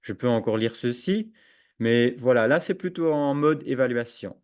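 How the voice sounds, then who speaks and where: A man giving a screen-share software tutorial to teachers, hesitant with many fillers and restarts, on a computer microphone. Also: mid-range voice, animated, moderate pace, clean tone. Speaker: educational software trainer. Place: at a computer, webinar with chat. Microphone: own computer microphone with noise suppression.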